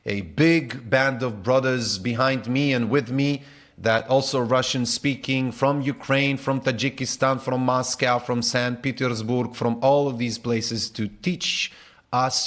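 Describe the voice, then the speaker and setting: A man's voice: mid-range voice, steady tone, slow, a bit bright. Israeli-accented man, long rambling explanations. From former Soviet Union. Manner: long explanatory turns, searches for words. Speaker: co-host. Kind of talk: casual chat show.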